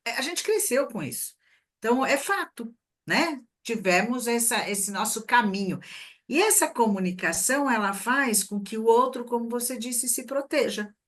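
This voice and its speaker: A middle-aged woman, a guest expert, talks through workplace communication in a relaxed interview, explaining her ideas with everyday examples. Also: on the high side, moderate pace. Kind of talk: conversational interview.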